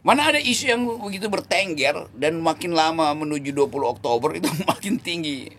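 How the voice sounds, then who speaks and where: Gravelly, animated man mocking politicians. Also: fairly high pitch, fairly quick, slight background noise. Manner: mocking, sarcastic, laughs mid-sentence; repeats words while searching, self-correcting. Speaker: political commentator. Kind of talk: interview talk.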